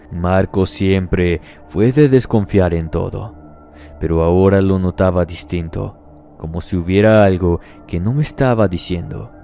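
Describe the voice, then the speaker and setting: A man narrates a horror story in a steady, measured way, his voice very low and dark, with a gravelly rasp. Faint music plays softly behind his scripted telling.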